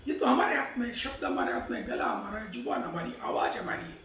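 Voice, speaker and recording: A Vedic discourse speaker with an expressive, fairly bright voice that sits high talks a little fast. In Hindi, he recites Sanskrit verses, explains them, and answers questions he poses himself. There's some hiss or hum, an echoey room, and a distant mic.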